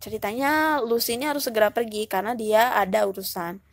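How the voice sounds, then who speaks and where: A young woman teaching an English lesson in a relaxed, chatty way, with lots of filler words. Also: fairly high pitch, fairly quick, vocal fry, no echo. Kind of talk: casual tutorial explanation.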